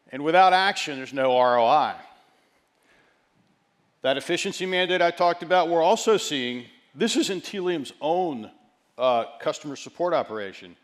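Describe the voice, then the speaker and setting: Delivering a keynote as chief executive, a man speaks in deliberate, broken phrases with emphatic stresses. His voice is medium-pitched.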